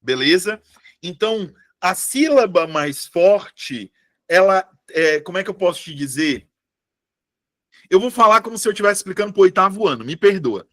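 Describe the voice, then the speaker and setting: Chatty male teacher, high voice. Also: expressive, normal speed, fairly bright tone. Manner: chatty, checks in often with the viewers. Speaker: online exam-prep teacher. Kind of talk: live online class.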